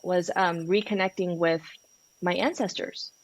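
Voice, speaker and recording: Lowish-voiced woman from peru, coach on a podcast, frank and passionate, swears casually. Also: fairly even intonation, a little slow, low-quality recording. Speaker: guest, sex and relationship coach. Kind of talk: podcast interview.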